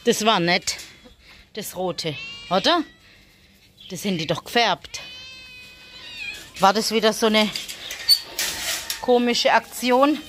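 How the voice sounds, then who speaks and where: A woman's voice: mid-range voice, slow pace, pauses often, fairly bright tone, slight background noise. A woman filming a casual vlog in a stable, chatting to the viewer and coaxing her animals in a sing-song voice. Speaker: vlogger.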